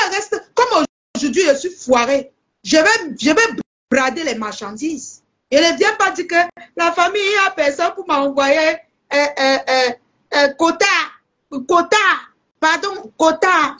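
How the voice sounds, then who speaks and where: A young Cameroonian woman with a Cameroonian French accent, selling goods on a live stream and chatting warmly to her viewers. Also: high-pitched. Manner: lively, addresses viewers as aunties. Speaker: live seller. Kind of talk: casual live-stream sales chat.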